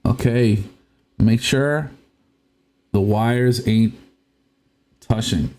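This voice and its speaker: His mid-range, darkish voice draws out words as he casually chats on a live stream while working on a console. The host is a young native Spanish speaker from Puerto Rico who laughs a lot and often fumbles his words.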